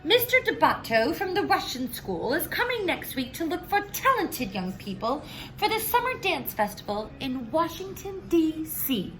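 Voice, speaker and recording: A woman voicing a brisk, good-humored female ballet teacher calling out in a children's storybook read-aloud. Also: sits high, sing-song, a bit bright, slight background noise, pitched above the performer's own voice, rough recording. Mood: announcing. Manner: emphatic, calling out.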